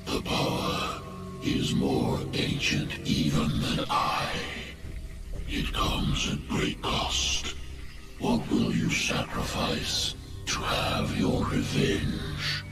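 A man voicing an ancient, menacing alien mentor creature in a video game, with gravelly, slow, portentous and cryptic delivery. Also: rumbling low, expressive, distant mic, heavily acted. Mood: solemn, challenging. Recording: cavernous echo, game music behind.

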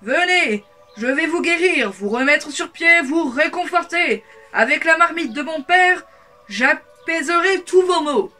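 A woman voicing a selfish young wizard who snaps and shouts in a shrill voice. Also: animated, unhurried, soft background music, heavily acted. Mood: frantic. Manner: loud, sharp outbursts.

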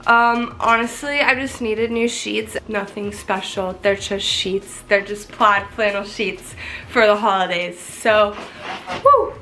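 Sitting in her small apartment bedroom, this twenty-something vlogger talks to the camera set close in front of her, congested with a cold but chatty and cheerful, with casual cursing. She speaks slowly in a steady, sharp, mid-range voice over a little hiss or hum.

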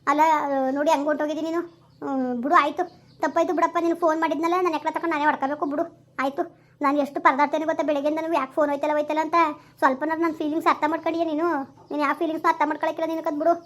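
High fast fretful young village girl, woman acting, rural kannada accent, sighs and tuts. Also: flat delivery, close to an everyday voice. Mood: anxious.

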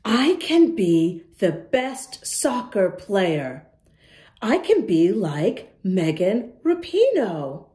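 In a mid-range, mellow, sing-song voice, a woman reads a picture book aloud at an extremely slow pace. As a children's storytime reader and host, she encourages young listeners emphatically and poses questions straight to them.

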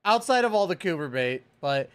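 This reaction-video host, an American man in his thirties, has a fairly high, sing-song voice at normal speed, with slight background noise. He talks casually and excitedly with slang into a close boom-arm mic inside a small room packed with collectibles.

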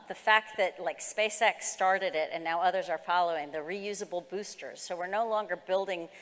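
A middle-aged American woman, a government executive, gives a semi-formal, explanatory keynote on stage in a large conference hall. Her voice is fairly low and fairly bright, and the hall's sound is reverberant.

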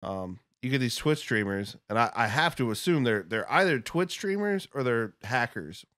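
A man's voice: mid-range voice, big pitch swings, normal speed, fairly bright tone, no room sound, clean studio sound. A man guesting on a casual podcast, talking in a rambling, candid way and swearing now and then. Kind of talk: casual chat over beers.

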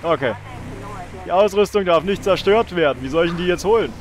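A young man with a slightly high voice hosting a let's play, joking, swearing and chatting to his viewers as he plays. A faint hiss runs underneath. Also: expressive, brisk. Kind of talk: casual gameplay commentary.

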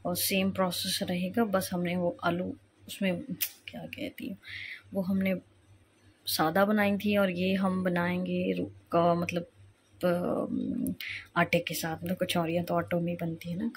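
A young woman chatting quietly in a home kitchen during a cooking vlog, a little congested from a cold and often losing her words. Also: lowish voice, slight background noise. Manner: soft-spoken, talking quietly while others sleep; chatty, forgetful, mixes in English phrases. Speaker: vlogger. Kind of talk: casual cooking vlog chat.

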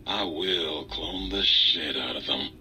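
A man's voice: very deep voice, takes it slowly, noisy background. An actor voicing a boastful, flirty male botany research machine in a video game, with suggestive patter.

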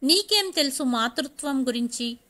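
A woman's voice: high voice, lively intonation, normal speed, bright, forceful tone. A woman voicing an angry young husband who is cold and unforgiving.

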